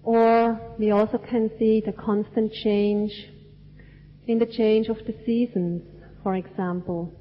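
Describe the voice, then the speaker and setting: A woman from Switzerland gives a dharma talk at a very unhurried pace, weighing each short phrase. Her voice trails off into the long reverb of a large cinema hall. The recording sounds dull and lo-fi. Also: mid-range voice, little pitch movement. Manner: slow, measured, deliberate phrasing. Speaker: Buddhist teacher.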